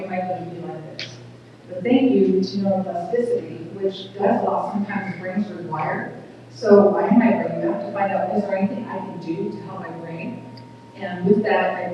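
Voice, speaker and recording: A middle-aged woman with a small, thin voice giving an earnest public talk at a community event, speaking plainly with halting restarts. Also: on the low side, distant mic, a little hiss or hum. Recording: echoey hall recorded from afar, dull.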